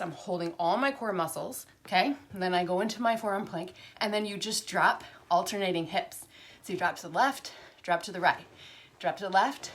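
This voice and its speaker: A woman's voice: on the low side, fairly bright tone. A young woman instructor casually talking through core exercises while doing them, slightly out of breath, with lots of fillers. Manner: chatty, many fillers, counts aloud while demonstrating. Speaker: fitness instructor.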